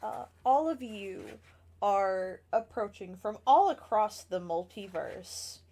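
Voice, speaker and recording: A woman's voice: mid-range voice, expressive, takes it slowly, creaky, warm tone. A woman hosting and running a tabletop role-playing game as game master, talking loosely with plenty of ums and uhs. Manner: loose, hesitant, many fillers.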